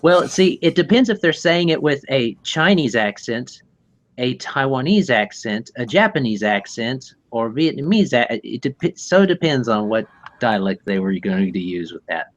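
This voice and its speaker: A man runs a tabletop game session as game master, speaking casually and haltingly and correcting himself as he goes. His medium-pitched voice is very animated. The sound quality is lo-fi.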